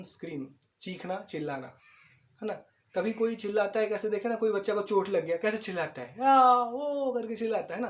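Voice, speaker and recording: A man's voice: high voice, a little mellow. A man teaching English vocabulary in a video lesson, explaining patiently, spelling words out letter by letter and checking in with the viewer.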